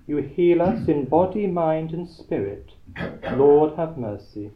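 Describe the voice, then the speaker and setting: A male priest intones the prayers of Mass in a solemn, measured cadence, his voice sitting a little high for a man. A cathedral echo rings around every phrase, and the sound is thin and tinny, like a phone line. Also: animated, crowd noise. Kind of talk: liturgical prayer, chanted-like recitation. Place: large church. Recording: tinny, echoey church recording.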